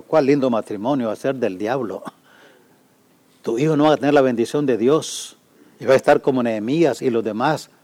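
A man preaching a sermon as a pastor, swinging from loud pleading to hushed warnings. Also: medium pitch.

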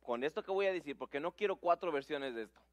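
A man's voice: fairly high pitch, animated, fast, no echo, natural voice. A man voicing Jesus in a joke, earnestly addressing his disciples.

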